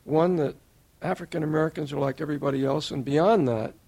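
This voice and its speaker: An older man giving an earnest, measured tribute as interviewer, laying out his points one by one. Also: on the high side, mellow. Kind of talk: formal tribute speech.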